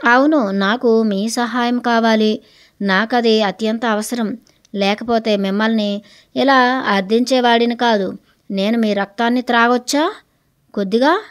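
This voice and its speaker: A woman's voice: fairly high pitch, measured pace, pauses often, close to an everyday voice. A woman voicing a gaunt, polite male vampire who pleads as he asks for help, read aloud as a story. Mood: pleading. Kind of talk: storybook reading.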